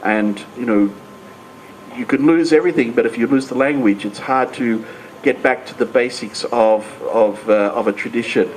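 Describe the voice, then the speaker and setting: An older Australian man on a book launch panel speaks in a mid-range voice at normal speed. He's hesitant, with many fillers and restarts, and the rough recording carries a little hiss or hum.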